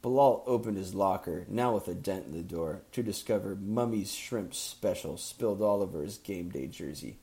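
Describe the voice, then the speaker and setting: A man with a lowish voice reads a ridiculous story in a mock-serious storyteller's tone. He keeps slipping into giggles mid-sentence. It is a casual podcast read. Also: moderate pace, hardly any pauses. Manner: laughing through a deadpan read. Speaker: podcast host. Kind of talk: comedic reading of a story.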